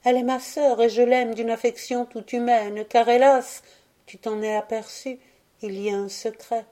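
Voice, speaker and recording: A woman's voice: fairly high pitch, little pitch movement, normal speed, dark tone, voice pushed up, lightly acted. A woman reading aloud and voicing a young, sorrowful girl who speaks tenderly and pleadingly to her beloved.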